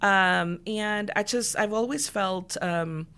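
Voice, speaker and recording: A woman's voice: medium pitch, slow, sharp tone, clear, resonant tone. A middle-aged woman from Guatemala, a podcast guest, telling her career story in an earnest way with many fillers and restarts. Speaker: guest, business owner. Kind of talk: casual interview chat.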